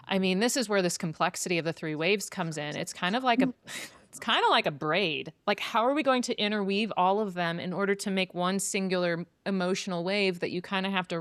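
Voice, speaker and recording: A woman's voice: lowish voice, fairly bright tone, smooth, no room sound. A woman hosting a podcast, explaining ideas in a chatty way with many fillers. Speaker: podcast host. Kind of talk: casual conversation.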